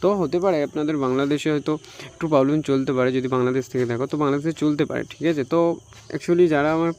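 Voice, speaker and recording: An Indian man with a Bengali accent, a tech tutorial YouTuber, walks through a phone tutorial informally, repeating himself and often tacking a checking question onto his phrases. His voice is a little high and darkish, his intonation fairly even, and he speaks very fast.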